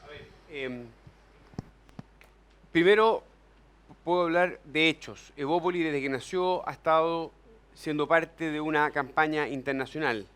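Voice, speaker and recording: Man, debate panelist; slightly high, smooth voice, measured and factual. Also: a bit bright. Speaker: debate panelist, party president. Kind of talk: public debate answer.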